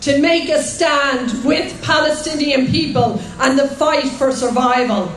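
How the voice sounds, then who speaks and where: A woman's voice: high-pitched, measured pace. An older woman with an Irish accent giving an impassioned, emphatic political speech at an outdoor demonstration. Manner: emphatic, declamatory, often shouting. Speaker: activist and rally speaker. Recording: echoey, noisy outdoor PA from distance.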